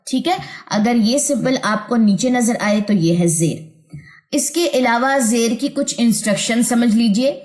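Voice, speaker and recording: A woman's voice: mid-range voice, a little mellow. A woman teaching an online tajweed lesson, patiently drilling sounds and checking understanding.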